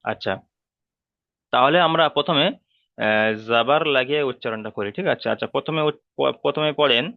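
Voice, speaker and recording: Patient man teaching slowly. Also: medium pitch, gravelly, no room sound, lo-fi sound. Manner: patient, repeats each rule slowly. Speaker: Quran reading teacher. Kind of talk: online class instruction.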